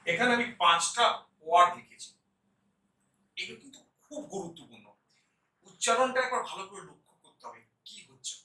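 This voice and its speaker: Bright-voiced man teaching pronunciation. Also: sits high, poor audio. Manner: slow deliberate repetition of words. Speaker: English teacher. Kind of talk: pronunciation lesson.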